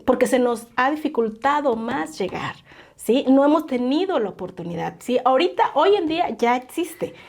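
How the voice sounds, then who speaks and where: A woman with a fairly high pitch and a darkish tone talks as a podcast guest in a casual interview. She's from the coast of Oaxaca, Mexico. Her manner is earnest, with lots of filler words and frequent tag questions.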